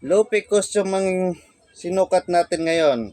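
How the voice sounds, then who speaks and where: A man's voice: high-pitched, a little slow, a little mellow, dry recording. A man casually showing off costumes for sale, chatty and repetitive, correcting himself as he goes. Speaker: online seller showing costumes. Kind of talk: casual product showcase vlog.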